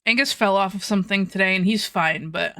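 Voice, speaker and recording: Bright, giggly young woman streamer. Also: medium pitch, fairly quick, no room sound, clean studio sound. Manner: laughs often, swears casually, talks with mouth full. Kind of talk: casual chat with viewers while eating.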